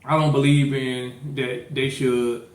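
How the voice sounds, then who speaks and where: A podcast host from St. Louis, Missouri rambles through a casual political chat, full of fillers and restarts. He takes it slowly in a flat, mid-range voice, recorded in an echoey room.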